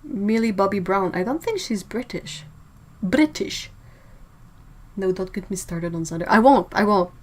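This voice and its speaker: A woman hosts a relaxed livestream, chatting freely and responding to viewers' messages. Her voice sits at an ordinary middle pitch, and her easy talk is often broken by laughter. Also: normal speed, few pauses, poor audio. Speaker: livestream host. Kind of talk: casual livestream chat.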